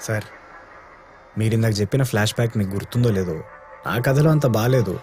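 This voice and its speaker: A man's voice: lowish voice, soft background music, lightly acted. An actor with a Telugu accent playing a cheeky, chatty man who keeps calling someone sir in a film drama. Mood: sly. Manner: fast, chatty, flattering, keeps saying sir. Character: cheeky talkative listener with a recorder.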